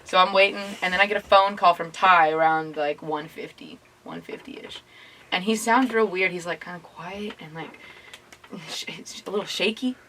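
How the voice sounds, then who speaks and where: A woman's voice: fairly low pitch, normal speed, far from the mic, a little hiss or hum, rough recording. A young woman co-hosting a casual podcast, telling a story with laughter running through it. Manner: laughing storyteller, animated retelling. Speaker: podcast co-host. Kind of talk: casual chat.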